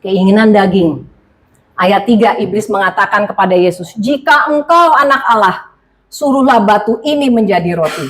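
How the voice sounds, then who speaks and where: A woman preaching, telling a personal testimony in a conversational, animated way and speaking directly to the congregation. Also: mid-range voice, moderate pace.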